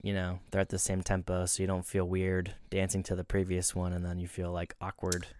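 A man's voice: deep voice, monotone, a little fast, darkish tone, slight background noise. A man co-hosting a podcast in casual, conversational chat. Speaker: podcast co-host.

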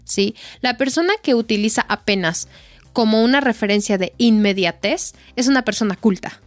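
A young woman with a Mexican accent co-hosting a casual Spanish lesson podcast, telling animated stories. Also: moderate pace, dry recording. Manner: animated storytelling, acts out quotes in a high voice. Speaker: podcast co-host and Spanish tutor.

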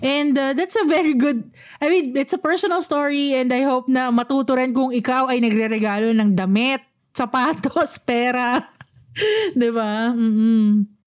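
Woman, fairly high voice, casual chat, Taglish, laughs easily. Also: measured pace. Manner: chatty, laughs often, mixing Tagalog and English.

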